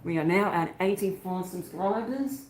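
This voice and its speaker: A man's voice: sits high, normal speed. An Australian man chatting casually on a phone livestream, thanking viewers by name as he goes. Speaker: YouTuber live-streaming.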